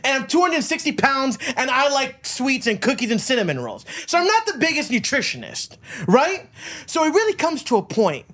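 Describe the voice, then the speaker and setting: Male podcast host from Florida, animated swooping delivery, profane and emphatic, circles back and repeats his points. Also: extremely high pitch, normal speed. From Miami, United States. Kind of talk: casual podcast rant.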